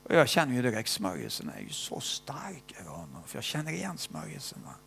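An older man preaches and tells his own testimony in a voice with a gravelly, creaky texture. His pitch rises and falls widely, swinging from loud emphasis down to hushed, whispered asides. He keeps tagging short questions onto his sentences, as if checking in with the listeners. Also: huge pitch swings. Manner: often ends phrases with a questioning "va?". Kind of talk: sermon with personal testimony.

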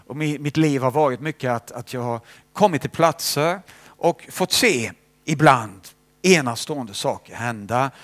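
A man's voice: medium pitch, fairly bright tone. A man preaching a sermon as a missionary, talking to the congregation in a conversational way and checking in with frequent tag questions.

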